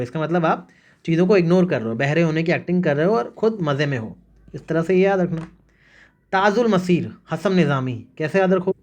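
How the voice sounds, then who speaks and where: A man's voice: fairly high pitch, highs cut off. A man teaching an exam-prep revision lesson, drilling facts with mnemonics and repeating "remember this" and "okay" often. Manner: brisk, repetitive drilling with frequent "याद रखना" and "ठीक है".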